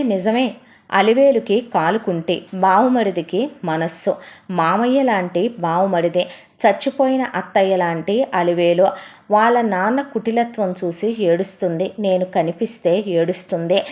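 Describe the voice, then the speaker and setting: A woman's voice: medium pitch, darkish tone. A woman narrating a story as a bitter, impassioned first-person monologue.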